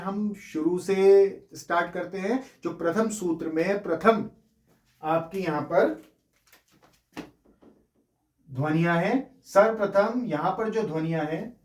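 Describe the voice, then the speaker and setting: A man teaching a lesson, explaining step by step as he writes on a board, saying each sound aloud and repeating it. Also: sits high. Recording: echoey room, voice from a distant mic.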